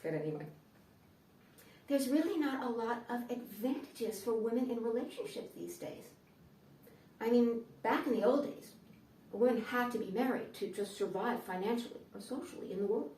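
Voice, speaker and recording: A woman's voice: on the high side, lively intonation, moderate pace, mellow, a little hiss or hum. An American woman doing a stand-up comedy monologue with a dry, sardonic delivery and playful asides. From United States. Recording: echoey room, voice from far off mic.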